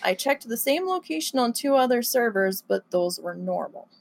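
A woman's voice: a little high, animated, normal speed, vocal fry, crowd noise. A woman co-hosting a show in casual chat, with a tentative, self-qualifying way of talking. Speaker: co-host.

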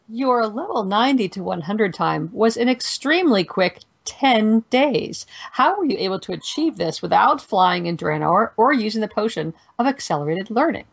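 A woman co-hosting a casual gaming podcast, briskly reading listener answers aloud. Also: medium pitch, gravelly, husky. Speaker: podcast co-host.

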